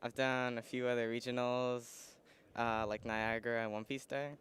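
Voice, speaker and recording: A man's voice: mid-range voice, level tone, moderate pace, fairly bright tone, smooth. A man from Massachusetts answering interview questions after a tournament match, modest and a bit hesitant. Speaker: tournament player. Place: convention centre floor.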